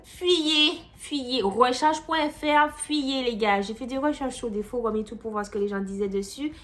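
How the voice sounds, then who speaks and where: A young woman vlogger telling a story in an animated, sassy way, acting out the people in it. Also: fairly high pitch. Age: young adult. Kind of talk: story time vlog.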